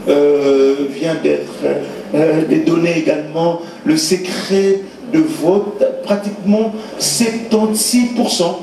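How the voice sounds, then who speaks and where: A man's voice: fairly high pitch, fairly even intonation, slow, warm tone, roomy sound, far from the mic, low-quality recording. A man reporting live on election results, hesitant with many fillers. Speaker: news reporter.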